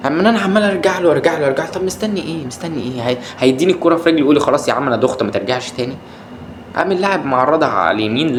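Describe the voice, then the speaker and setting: Fast-talking Egyptian man recapping a match. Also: medium pitch, slight background noise. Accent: Egyptian Arabic. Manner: exasperated, repeats his questions, rants at the players. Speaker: football podcast host. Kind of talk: casual match recap commentary.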